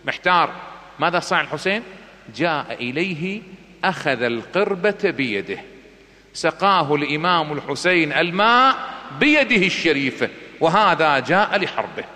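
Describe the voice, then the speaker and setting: A man preaching a sermon, telling a story with passion and chanting poetry loudly and slowly. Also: a little high, lively intonation. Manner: impassioned storytelling, recites poetry in a loud slow chant. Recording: long hall reverb.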